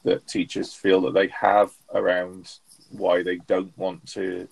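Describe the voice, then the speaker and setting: A man co-hosting a show, speaking in a measured, thoughtful casual chat. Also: low-pitched, monotone, gravelly, poor audio. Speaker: podcast co-host.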